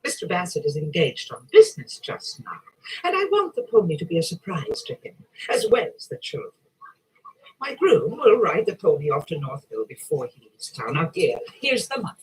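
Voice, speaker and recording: A woman's voice: lowish voice, very animated, normal speed, darkish tone, poor audio. An actress playing a genteel, well-to-do married lady in a period drama, imperious and insistent. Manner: insistent, bossy.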